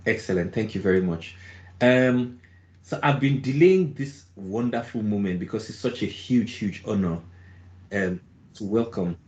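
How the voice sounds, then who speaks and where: A man's voice: mid-range voice, a little mellow, lo-fi sound. A man hosting an online interview, introducing his guest in a jovial, rambling way and often correcting himself. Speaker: host.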